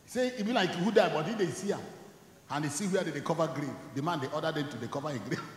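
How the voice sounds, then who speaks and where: A man preaching a sermon, shifting from quiet storytelling to loud shouted declarations. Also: on the high side, quick pace. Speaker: pastor. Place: church hall. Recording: echoey church hall.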